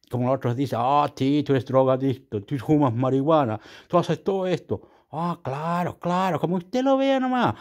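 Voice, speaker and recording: A man with a Chilean Spanish accent vlogs in a casual, rambling monologue, repeating himself and swearing offhandedly. His voice sits on the high side with a darkish tone.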